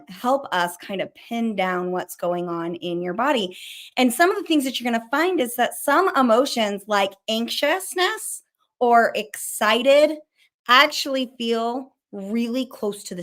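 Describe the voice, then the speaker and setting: Middle-aged female counselor host, quick chatty explainer with a casual tongue. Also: fairly high pitch, a bit bright. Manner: fast and chatty, swears casually. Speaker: licensed counselor hosting a mental health show. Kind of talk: casual teaching while sharing a screen.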